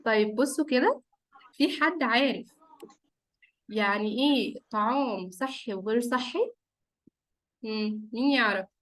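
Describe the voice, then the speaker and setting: Speaking a little slowly with long pauses, this woman has a voice on the high side and an Egyptian Arabic accent. She leads an interactive online lesson for small children, using simple questions, repetition and coaxing praise, recorded through a computer or phone on a video call.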